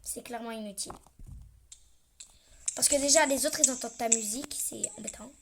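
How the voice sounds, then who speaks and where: A woman's voice: fairly high pitch, fairly quick, background noise. A young woman chatting over her gameplay as a vlogger, complaining dramatically and often dropping into a mutter. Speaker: gaming vlogger. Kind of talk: casual gameplay commentary.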